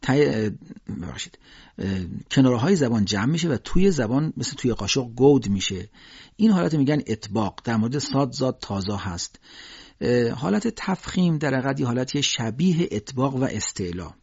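Husky male Quran recitation teacher. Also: medium pitch, animated, darkish tone, no room sound. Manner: explanatory, patient, many hesitation fillers. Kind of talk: spoken lesson with slow recited examples. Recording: dull, dry lo-fi recording.

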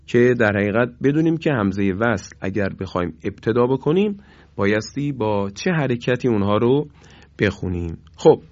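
A male teacher in a Quran recitation lesson, mid-pitched, explaining pronunciation rules in polite, formal phrases. He slows right down to voice each Arabic example with care. The sound is dry and a little dull, like a close-miked studio recording. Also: expressive, darkish tone, dry recording. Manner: slow, drawn-out demonstration of Arabic words.

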